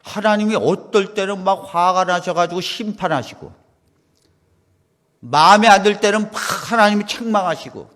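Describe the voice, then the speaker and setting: A middle-aged male pastor preaching a sermon, moving between soft asides and loud, emphatic lines, and acting out dialogue from his stories. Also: high-pitched, moderate pace. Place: small church. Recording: long reverb of a church hall.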